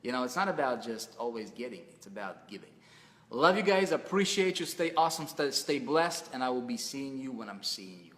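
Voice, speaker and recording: A man's voice: mid-range voice, very animated, fairly quick, a bit bright, long reverb tail. A man hosting an online webinar, giving a casual motivational talk full of fillers and restarts, often calling his viewers "man.". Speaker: webinar host.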